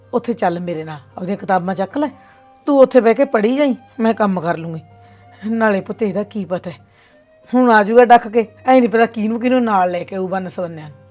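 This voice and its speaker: A woman's voice: medium pitch, close to an everyday voice. An actress with a Punjabi accent playing a mother who speaks scornfully of her husband and scolds her daughter. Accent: Punjabi (Malwa). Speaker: actor in a short film.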